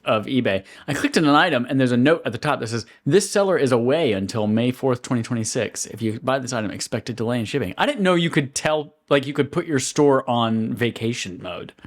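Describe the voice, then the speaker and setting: A man co-hosting a podcast in casual conversation, telling stories and swearing freely. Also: mid-range voice. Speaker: podcast co-host. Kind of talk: casual chat.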